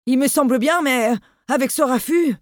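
A reader playing a frantic, stammering driver, his voice jumping far up in pitch. He trips over his words in panic, recorded dry and close. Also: normal speed, no room sound, lightly acted. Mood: panicked.

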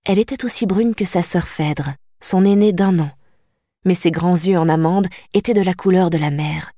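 A woman reading a children's novel aloud as audiobook narration, calm and even. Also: lowish voice, normal speed, no room sound, studio quality. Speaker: audiobook reader.

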